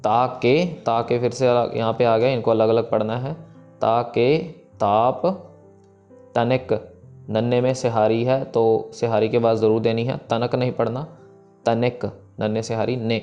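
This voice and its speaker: A man teaching careful pronunciation of scripture, patiently explaining and reciting each verse slowly. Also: medium pitch, little pitch movement, dark tone, lo-fi sound, faint music behind. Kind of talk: recitation lesson.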